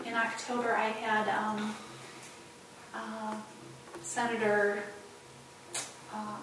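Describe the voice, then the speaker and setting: Woman, halting meeting report full of fillers; flat delivery, distant mic, heavy room echo. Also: medium pitch, noisy background. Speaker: program coordinator reporting to a board.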